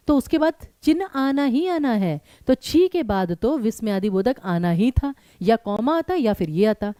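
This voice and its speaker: A woman teaches a live exam-prep class, speaking animatedly and directly to her students. Her mellow, rather high voice swings widely in pitch, and the recording is close and dry with no echo.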